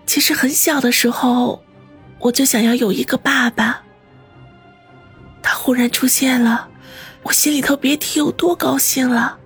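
Woman playing a dying young girl, high breathy whisper, slow and halting, gentle, storybook voice, faint music behind. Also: steady tone, exaggerated voice. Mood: weak, tender. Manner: weak, halting, tender. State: dying, weak. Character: badly wounded young girl, gentle, fading. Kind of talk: audiobook character voice.

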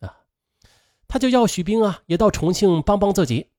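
A man's voice: high voice, moderate pace, dry recording. Male narrator for a true-crime tale, chatty asides, dry close-mic sound, swooping intonation. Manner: lively rise and fall, chatty asides. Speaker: storyteller. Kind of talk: dramatic true-crime storytelling.

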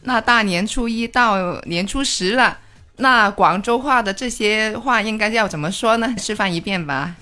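A woman's voice: medium pitch, moderate pace, sharp tone, soft background music. A woman co-hosting a language lesson, cheerfully offering new year wishes and phrases to repeat. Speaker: co-host and language teacher.

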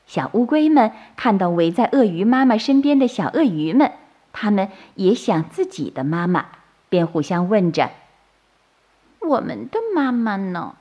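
A woman reading a bedtime story to children, in a slow, soothing and expressive way. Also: medium pitch, highs cut off.

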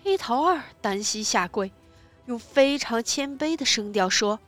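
Slow, expressive woman reading a storybook. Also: a little high, soft background music. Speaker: narrator.

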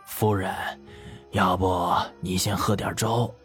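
A man voicing an anxious aging official who speaks low and urgently in a story reading. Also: expressive, measured pace, soft background music. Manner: hushed, sighing, low and urgent.

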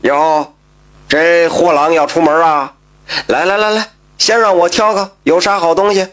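A man's voice: sits high, expressive, moderate pace, fairly bright tone. A man voicing a sly, whining village scoundrel who pleads and argues in a raised voice in a told folk story. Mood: brazen.

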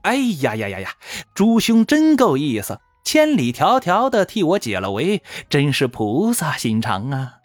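A man voicing a sly, fawning male warlord in a storytelling show, with flattering, nervous chuckles. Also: on the high side, unhurried, dry recording, studio quality, faint music behind.

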